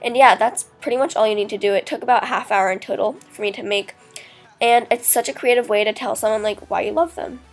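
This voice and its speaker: A woman's voice: on the high side, fast, faint music behind. Casting: teen girl vlogger, congested from a cold, chatty and rambling, lots of 'like' and 'um'. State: stuffy nose from a cold. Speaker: DIY vlogger. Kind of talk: casual tutorial talk.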